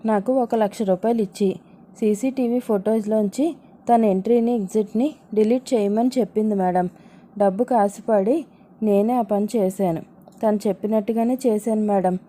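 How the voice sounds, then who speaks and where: A woman's voice: medium pitch, fairly even intonation, normal speed, warm tone, lightly acted. A woman voicing a frightened young woman receptionist who pleads nervously. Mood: pleading.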